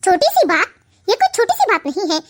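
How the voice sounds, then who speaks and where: A woman voicing a proud, resentful elder sister-in-law in an animated family cartoon, talking with scornful indignation. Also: extremely high pitch, fairly quick. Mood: indignant.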